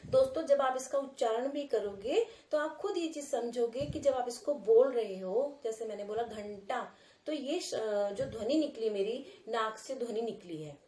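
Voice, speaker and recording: Woman, grammar teacher, slightly high voice, roomy echo, repeats example sounds slowly. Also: lively intonation, dark tone. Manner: repeats words and sounds slowly, addresses viewers as friends. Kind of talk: explaining Hindi grammar lesson.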